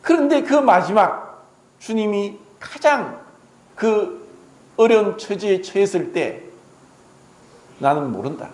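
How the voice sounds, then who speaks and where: A man's voice: sits high, expressive, slow pace, a little mellow, roomy sound, low-quality recording. A male pastor preaching a dramatic sermon in a church, acting out the quoted words of the story. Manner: dramatic, voices Jesus and Peter in quotes.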